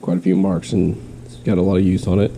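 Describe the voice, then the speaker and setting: A man with a cold talks fast in a deep, nasal voice with vocal fry, a dark tone and little pitch movement, coughing slightly now and then. It's a rambling fishing-vlog show-and-tell full of restarts, recorded at home during quarantine with a bit of hiss or hum.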